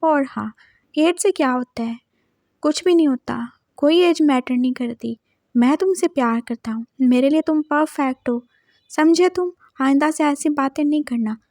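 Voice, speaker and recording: A playful, coaxing young husband from a storybook, put on by a woman narrator, speaks in a high voice. He teases and flatters his partner without letup. The sound is close and dry. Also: normal speed, no room sound. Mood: doting. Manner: coaxing, teasing.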